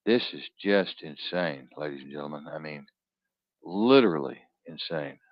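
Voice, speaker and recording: A man with a very low, deep voice hosts a live stream, tired and blunt, swearing freely as he rambles on. The sound is dry and close, with dull, lo-fi stream audio. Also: animated, moderate pace, no echo. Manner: profane, blunt, restless, barks orders at his producer. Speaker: host of an online talk stream.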